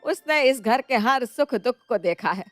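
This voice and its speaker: A woman's voice: on the high side, lively intonation, measured pace, no echo. A woman voicing an older mother-in-law, the proud and firm head of the house, in a dubbed storybook cartoon. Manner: firm, commanding. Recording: dry close voice over soft music.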